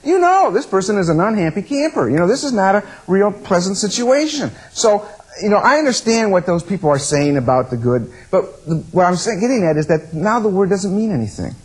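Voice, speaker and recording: A man's voice: high-pitched, a little fast, breathy edge, low-quality recording. A middle-aged man giving a lecture on stress at a workshop, acting out what others say. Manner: animated, acts out quotes of others. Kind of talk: lecture to an audience.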